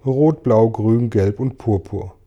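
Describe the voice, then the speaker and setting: A man reading a children's storybook aloud in a calm, measured way. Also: on the low side, dull audio. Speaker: reader.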